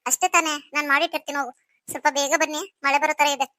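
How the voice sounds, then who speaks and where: A woman voicing a bossy mother-in-law in a cartoon story, brisk and scolding. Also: high voice, fairly even intonation, sharp tone, no room sound.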